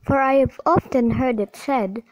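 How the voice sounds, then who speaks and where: A woman doing a high, prim little fly. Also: a little slow, darkish tone, dry recording, rough recording. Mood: wary. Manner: prim, refusing politely. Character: small wary female fly, polite and prim.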